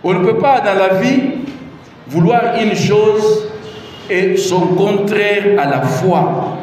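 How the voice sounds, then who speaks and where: Speaking slowly in a high voice with a darkish tone, a middle-aged presidential adviser from Congo addresses the public about the constitution in Congolese-accented French. He repeats key phrases and asks the audience rhetorical questions. A little hiss or hum is audible, and the mic sits far off in an echoey hall.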